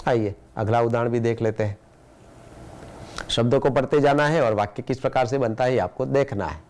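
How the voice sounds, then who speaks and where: A man with an Indian accent teaching a school language lesson, explaining patiently and reading example sentences slowly and deliberately. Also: mid-range voice, darkish tone. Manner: explains patiently, with rhetorical questions. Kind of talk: classroom lesson for students.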